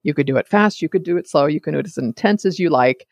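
A woman talks through her solo podcast in a loose, chatty way, drifting off on side notes and pulling herself back. Her voice carries a gravelly fry at the edges, and the recording is dry with no room sound. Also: deep voice, animated, fast, no echo. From California. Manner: chatty and digressive, often sidetracking herself. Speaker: podcast host. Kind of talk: casual solo podcast monologue.

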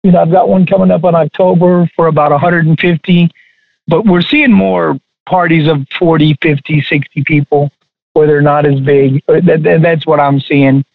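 A man's voice: fairly high pitch, steady tone, vocal fry, no echo, phone-quality sound. A man, a guest chef, talking casually in an interview and restarting his sentences often. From Texas. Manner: halting, many restarts.

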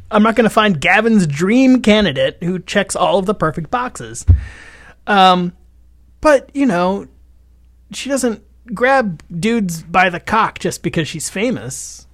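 A man co-hosting a podcast in casual chat, telling rambling, animated stories and laughing often. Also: high-pitched, no echo, studio quality. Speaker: podcast co-host.

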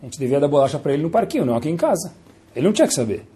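A man's voice: fairly high pitch, sing-song, very fast, mellow, husky, full character voice. A protective mother reproaches her husband on behalf of their small boy, voiced by a male storyteller. Her tone is indignant but stays close to the teller's natural voice. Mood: reproachful. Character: indignant mother defending her little son.

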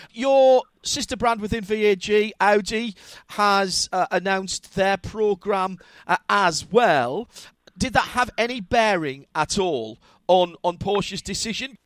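Male interview host, enthusiastic and chatty, higher voice, dry studio sound. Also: a bit bright, no echo. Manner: enthusiastic, conversational questioning. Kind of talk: motorsport interview.

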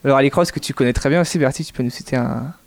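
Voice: medium pitch, rapid-fire, vocal fry. A quiz contestant in casual banter, teasing the others and joking.

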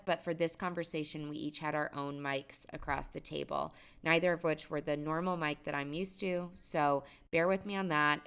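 A woman's voice: low-pitched, fairly bright tone, clean tone. A woman hosting a podcast in a friendly, chatty way, speaking casually to her listeners. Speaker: podcast host. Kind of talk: casual podcast introduction and chat.

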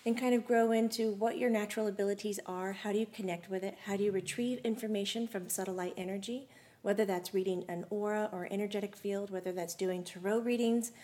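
An excitable woman hosting a live-streamed talk show, her voice in the middle of the female range. She talks in a bubbly, chatty way, running through welcomes and announcements. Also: medium pitch. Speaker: host. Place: studio room.

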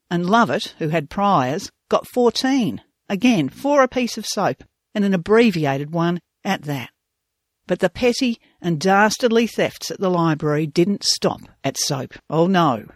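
History narrator, wry and dry-humoured, mid-pitched voice, close dry studio sound. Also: no room sound. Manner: wry, dry humour, theatrical reading of old newspaper quotes. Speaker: radio history storyteller. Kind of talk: scripted narration.

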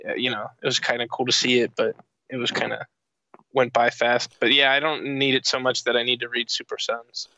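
A man co-hosting a casual comics podcast, speaking in relaxed, agreeable remarks. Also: mid-range voice, fairly quick, dull audio. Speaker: podcast co-host.

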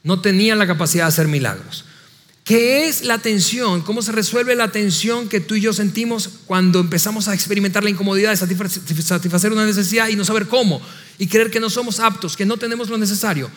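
A man with a high voice preaches an animated sermon, voicing doubting listeners in quick asides. His voice carries a long hall reverb. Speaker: pastor.

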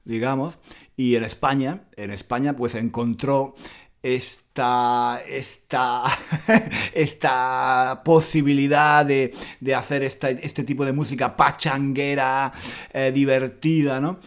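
A middle-aged man from Spain hosting a casual podcast lesson, explaining words slowly and repeating them for learners, often breaking into laughter. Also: mid-range voice, steady tone, smooth. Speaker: Spanish teacher podcast host.

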